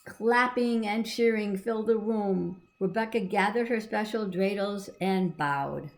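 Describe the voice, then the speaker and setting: Speaking at a measured pace in a medium-pitched voice, a woman reads a storybook to children and adds explanatory asides. Her manner is simple, encouraging, and like a teacher's.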